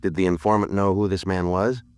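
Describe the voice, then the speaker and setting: An American man playing a terse, businesslike police sergeant, narrating a 1950s radio crime drama in a clipped, deadpan, matter-of-fact way. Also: deep voice, a little fast, clear, resonant tone, close to an everyday voice.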